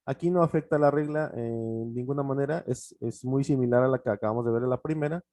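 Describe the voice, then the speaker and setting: A native Spanish-speaking man gives an online English grammar lesson in a mellow, relaxed voice. He explains each rule step by step, repeats the example words, and fills pauses with small hesitations. The sound is dry and close. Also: mid-range voice, no echo. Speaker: English teacher.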